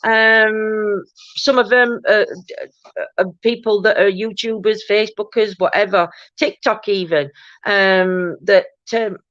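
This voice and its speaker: A loud, booming woman who hosts a paranormal chat show rambles casually while reading viewer comments on a livestream. Her tone stays steady and her pace is unhurried, with many restarts and repeated "do you know what I mean," in dull, dry, low-fi audio without echo.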